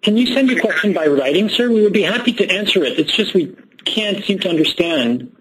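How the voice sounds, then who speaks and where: Brief: polite male panelist, slightly high, noisy background. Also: animated, brisk, fairly bright tone. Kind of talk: press briefing remarks.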